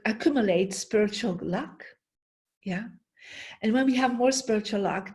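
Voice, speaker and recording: A woman's voice: mid-range voice, darkish tone. A middle-aged woman telling a story while teaching an online master class, often checking in with the audience by asking "yeah?". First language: Dutch. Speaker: feng shui teacher.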